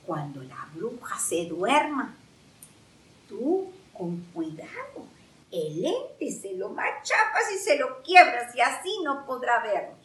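A woman's voice: on the high side, wildly swooping pitch, slow pace, fairly bright tone, heavily acted. Hansel, a woman voicing a scheming caged boy. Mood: plotting. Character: young boy Hansel, locked in a cage, scheming. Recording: echoey room, distant mic.

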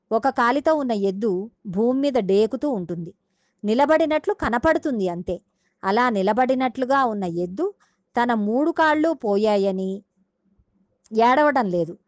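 An earnest woman gives a devotional discourse, retelling a sacred tale and pausing to explain its meaning to her listeners. Her voice sits fairly high. The recording is dry and close, with no room echo. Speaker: religious discourse speaker.

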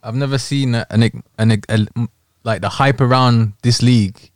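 Halting man in a dry recording. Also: medium pitch, steady tone, a little mellow, no room sound. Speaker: interviewer. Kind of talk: casual chat.

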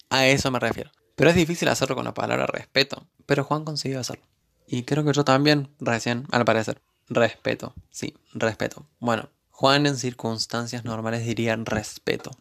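A man's voice: mid-range voice, fairly even intonation, normal speed, vocal fry, a bit bright. A man with an Argentine accent recapping a TV series episode in a casual, sarcastic way with joking asides. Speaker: TV series reviewer.

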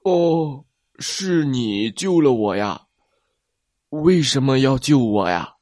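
A man's voice: mid-range voice, animated, slow pace, a little mellow, dry recording, clean studio sound. A man voicing a stammering lonely T. rex. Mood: nervous. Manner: stammering, hesitant. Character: big lonely male T. rex, gruff but shy, fibs nervously.

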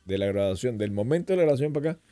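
Un hombre invitado a un pódcast, que cuenta historias de forma animada y coloquial, con muchas frases que se reinician. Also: male voice, mid-range voice, rapid-fire, no echo, soft background music. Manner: animated, rambling storyteller with frequent restarts; colloquial, addresses host as "hermano". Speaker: podcast guest. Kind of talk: casual storytelling chat.

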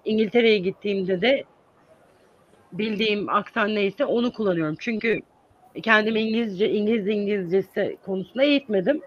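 A man's voice: sits high, a little fast. A man who teaches English, answering interview questions in an earnest, explaining manner with many hesitant fillers. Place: lives in the United States. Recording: dull, dry sound.

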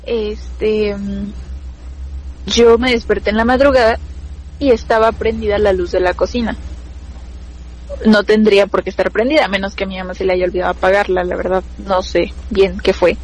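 A woman's voice: mid-range voice, fairly even intonation, normal speed, rough recording. A woman chatting casually, recalling personal memories in a thoughtful way. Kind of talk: casual storytelling chat.

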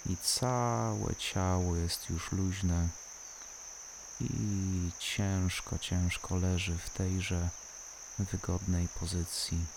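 A calm, soothing voice guiding a body-scan relaxation, unhurried and leaving long pauses between short instructions. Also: low-pitched, vocal fry, background noise. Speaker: guided relaxation narrator. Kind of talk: slow guided body-scan meditation.

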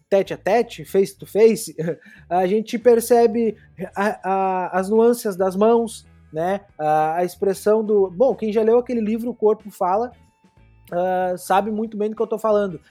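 On a live-streamed podcast, a female co-host explains things in a loose, rambling manner, often restarting and adding tag questions. Her mid-range voice is mellow and a bit slow, with faint music underneath.

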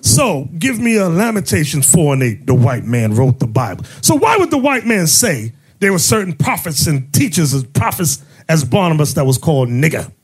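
A man acting as bishop and host, preaching in a fiery way, mocking and often shouting. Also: fairly high pitch, very animated, moderate pace, hardly any pauses, slightly rough.

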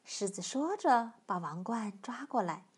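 Woman, storyteller, picture-book reading, expressive, high voice, slow pace. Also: breathy edge. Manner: expressive, lively read-aloud.

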